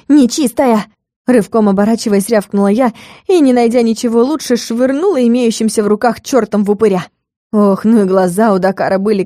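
A woman narrating a first-person fantasy audiobook in a lively, expressive storytelling manner. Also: on the high side, no room sound, studio quality.

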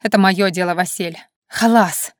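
A woman reading an audiobook and voicing a young heroine, speaking in sharp, emotional outbursts. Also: on the low side, moderate pace, no room sound, studio quality, lightly acted. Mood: bitter.

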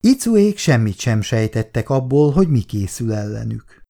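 Mellow-voiced man narrating a radio drama. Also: mid-range voice, big pitch swings, gravelly.

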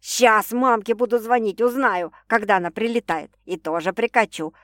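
A woman's voice: a little high, normal speed, fairly bright tone, no room sound, clean studio sound, natural voice. A woman voicing a blunt, skeptical older sister who talks in brash slang in an audiobook.

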